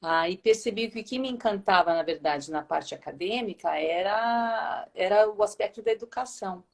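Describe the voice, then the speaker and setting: Speaking at normal speed with a gravelly, medium-pitched voice, this Brazilian woman in her fifties answers questions as a teacher guest in a live interview. Her delivery is hesitant and full of fillers.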